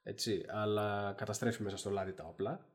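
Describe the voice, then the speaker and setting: A man with a fairly low voice in a relaxed podcast chat. He retells events animatedly, pausing on fillers and restarting his sentences as he goes. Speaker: podcast co-host. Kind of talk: casual discussion.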